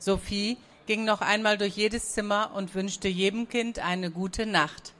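A woman narrating a children's story in a calm, even, scripted reading. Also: mid-range voice, measured pace.

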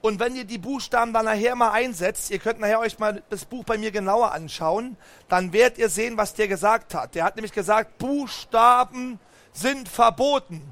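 High-voiced man storytelling to children. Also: brisk. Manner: animated, talks straight to the children, asks them questions. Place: book fair stand.

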